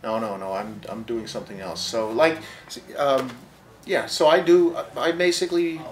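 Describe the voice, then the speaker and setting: An older man with a laid-back, wry way of talking, sitting in an armchair in a bookstore and speaking into a lapel mic. He is an author and long-haul trucker, and his stories often trail off quieter. A faint noise sits under the voice. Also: mid-range voice, fairly even intonation, moderate pace, rough recording. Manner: wry, easygoing, drifts quieter as he goes on. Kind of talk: casual interview storytelling.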